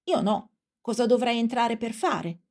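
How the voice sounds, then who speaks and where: A woman's voice: a little high, measured pace, voice pushed up. Signor Veneranda, a pedantic little man, read by a woman. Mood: matter-of-fact. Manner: loud, shouting up to a window. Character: pedantic quarrelsome little man, stubbornly logical.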